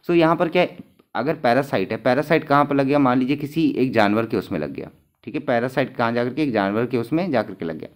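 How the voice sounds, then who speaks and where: A man's voice: medium pitch, animated, fast talker. A man, teaching exam material and answering his own questions, repeating each key term as he goes.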